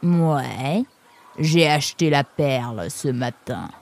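A woman voicing a large male creature with big paws who drawls in a slow, laconic way. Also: a bass voice, expressive, creaky, darkish tone, full character voice.

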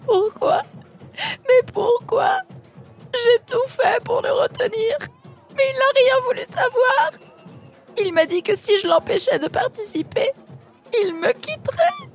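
A woman's voice: very high voice, big pitch swings, measured pace, pauses often, faint music behind, voice pushed up, heavily acted. A woman voicing a young female fox in a storybook, a lovesick girl who sobs and cries out. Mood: distraught. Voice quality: sobbing, overwrought. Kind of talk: storybook voice acting.

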